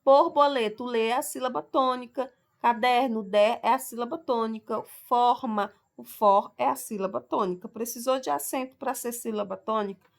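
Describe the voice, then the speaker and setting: Woman teacher, kinda high voice, slow careful lesson, drags out example words, keeps asking ok?. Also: steady tone, creaky. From Brazil. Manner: explains step by step, stresses example words slowly; checks in with "tá?" and "ok?". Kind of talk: recorded school lesson.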